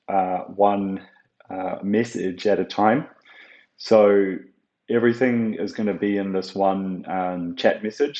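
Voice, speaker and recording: A man with a fairly low voice presents an unscripted screen-share walkthrough of software, explaining each step in a halting way with lots of ums and uhs. The audio is roomy and echoey, with a slightly dull tone.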